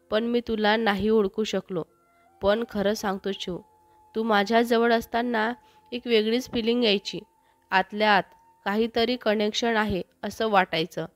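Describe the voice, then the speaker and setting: A woman voicing an overjoyed young man in love, talking in an eager, softly gushing way in a storybook. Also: a little high, no room sound, natural voice.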